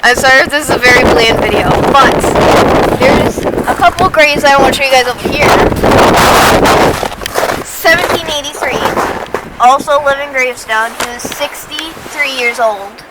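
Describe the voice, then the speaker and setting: A young woman from Massachusetts vlogging casually outdoors in a windy cemetery, chatty and apologetic, cold and low on energy, filmed by someone else holding the camera. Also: normal speed. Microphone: camera held by another person. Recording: heavy wind noise on mic.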